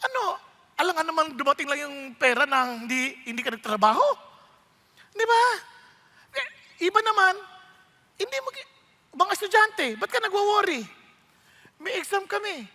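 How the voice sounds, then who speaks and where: A man's voice: very high-pitched, moderate pace, long pauses, big-room sound. A male pastor preaching a sermon, telling stories with acted voices and asking his listeners questions. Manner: lively storytelling, acts out voices, asks the audience questions.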